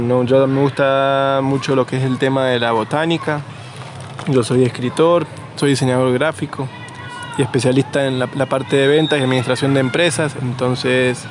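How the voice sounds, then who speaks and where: An Argentine man being interviewed outdoors, talking in a relaxed, rambling way with fillers and restarts. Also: medium pitch, noisy background. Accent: Argentine Spanish. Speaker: interviewee, nursery co-founder. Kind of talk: casual conversational interview.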